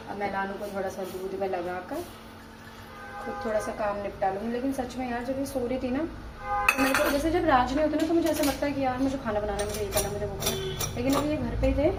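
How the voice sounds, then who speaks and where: A woman's voice: fairly high pitch, roomy sound. A young woman vlogging casually at home, chatting and cooing baby talk to her toddler. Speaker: vlogger mother. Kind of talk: casual vlog chat. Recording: noisy home recording.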